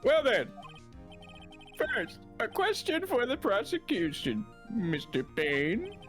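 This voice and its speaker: Woman reading as a slow, stately old judge. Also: a little high, wildly swooping pitch, soft background music, full character voice. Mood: measured.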